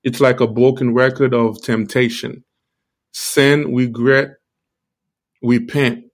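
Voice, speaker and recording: A man giving an informal, halting devotional talk with a toothache, repeating phrases, his speech slightly altered by a sore mouth. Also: medium pitch, level tone. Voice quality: speech slightly altered by tongue-led articulation. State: toothache, talking around a sore tooth and gum. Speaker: live-stream preacher.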